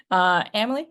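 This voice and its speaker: A woman's voice: medium pitch, a bit bright. A middle-aged woman professor on a video call, talking chattily with many fillers and restarts. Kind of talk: online class introduction.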